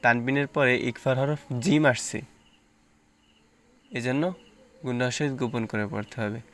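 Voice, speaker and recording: A man with a mid-range voice teaches Quran reading, spelling out letters and slowly reciting words. Between recitations he gives plain explanations.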